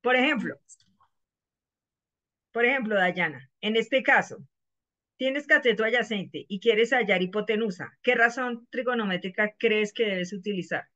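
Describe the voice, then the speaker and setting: A woman's voice: mid-range voice, a little slow, a bit bright, highs cut off. A woman teaching math in an online class, patiently explaining and asking her students questions over and over.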